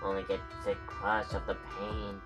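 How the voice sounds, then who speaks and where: A man playing a defiant, mocking psychopathic killer in a horror audio drama, with a drawn-out delivery. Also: on the low side, completely flat delivery, lightly acted. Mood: scornful, angry. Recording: voice under loud music.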